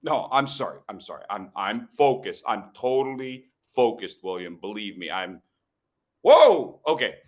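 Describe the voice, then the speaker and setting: A middle-aged man giving a humorous talk on storytelling to a live group, teasing people in the room and slowing down with pauses for emphasis. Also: lowish voice. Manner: playful, teasing the audience, quick asides. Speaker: educational speaker at a club meeting.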